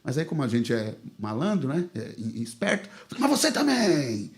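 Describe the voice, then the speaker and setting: A man with a Brazilian Portuguese accent, a pastor telling a lively anecdote on a podcast and acting out the quoted dialogue. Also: mid-range voice, a little fast. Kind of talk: casual podcast storytelling.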